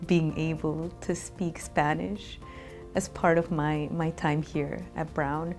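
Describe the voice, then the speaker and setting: A woman's voice: deep voice, little pitch movement, takes it slowly. A young woman from Peru, a medical student, speaking earnestly in a studio interview. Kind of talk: interview testimonial. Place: studio with gray backdrop. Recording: soft background music.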